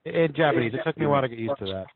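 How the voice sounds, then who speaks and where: A man chatting casually with quick, eager interjections. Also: mid-range voice, expressive, narrow, tinny audio, crowd noise. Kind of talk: casual chat about anime dubs.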